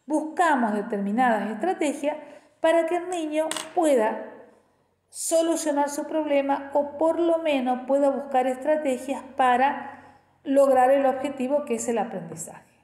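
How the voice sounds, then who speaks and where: Woman educational psychologist, patient step-by-step explainer, mellow tone, echoey recording. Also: high-pitched, unhurried. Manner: explains step by step, often checks in with "¿sí?". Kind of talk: explanatory teaching talk. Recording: echoey room with long reverb.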